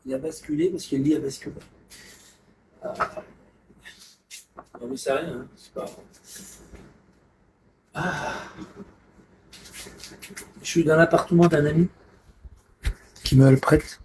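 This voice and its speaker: Irritable ranting man, slightly high voice. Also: fairly even intonation, slow pace, pauses often, noisy background. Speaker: streamer. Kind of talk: rambling live stream chat. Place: borrowed friend's apartment.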